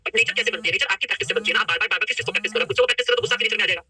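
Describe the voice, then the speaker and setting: A middle-aged woman leading a live online workshop, energetic and coaxing, often putting questions to the group through a laptop mic on a video call. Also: mid-range voice, very fast. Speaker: workshop coach.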